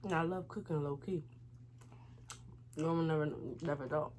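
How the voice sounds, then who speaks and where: A woman's voice: sits low, fairly even intonation, normal speed, darkish tone, a little hiss or hum. A woman vlogger talking casually and slangily to viewers while she eats, rambling between savoring hums. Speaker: mukbang vlogger. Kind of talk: casual eating-show chat to viewers.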